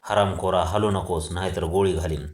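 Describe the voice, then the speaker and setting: A man's voice: low-pitched, level tone, normal speed, echoey room, lightly acted. Man reading as a stern, mocking police inspector. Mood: commanding. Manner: loud, harsh, mocking.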